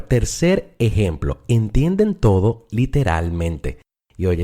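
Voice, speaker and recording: Guy from the dominican republic teaching a lesson, low voice, swings his pitch a lot, says things twice for emphasis. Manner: animated teacher, addresses listener directly, repeats for emphasis. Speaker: neuropsychologist teaching. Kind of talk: lecture-style explanation.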